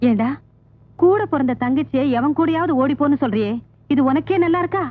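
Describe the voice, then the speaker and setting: A protective village mother who scolds her children, with a high, fast voice. The recording is thin and phone-like, with music clearly underneath. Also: expressive. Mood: scolding. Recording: tinny lo-fi film soundtrack with music.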